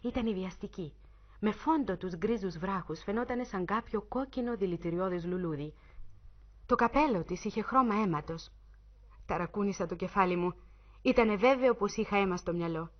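A woman narrating a suspense story in the first person, in an expressive, dramatic reading style. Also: mid-range voice. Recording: muffled lo-fi recording.

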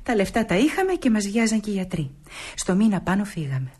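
An actress playing Nora, a playful, secretive and proud young wife, in a radio play, talking lively and dropping to hushed confiding. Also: female voice, mid-range voice, breathy edge. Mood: chatty.

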